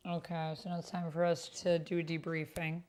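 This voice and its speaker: Her voice sits low and a little mellow, with little pitch movement and a slightly fast pace. This streamer, host of an actual-play stream, chats casually and reacts in a playful, exclamatory manner.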